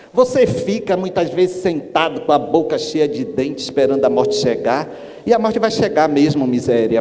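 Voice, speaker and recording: A man giving an emphatic, animated spiritist lecture to an audience. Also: fairly high pitch. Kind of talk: inspirational lecture with anecdotes. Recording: long hall reverb, faint background noise.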